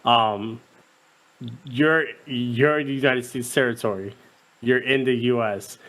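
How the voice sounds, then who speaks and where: A man's voice: medium pitch, fairly even intonation, measured pace, fairly bright tone, rough recording. A man speaking as a guest in a casual podcast chat, blunt and lecturing, repeating words.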